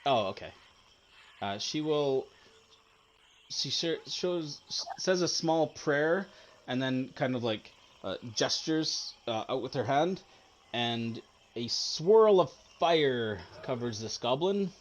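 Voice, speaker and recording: A man narrating a tabletop game as dungeon master, hesitant and unhurried, often laughing. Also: medium pitch, animated, a little hiss or hum.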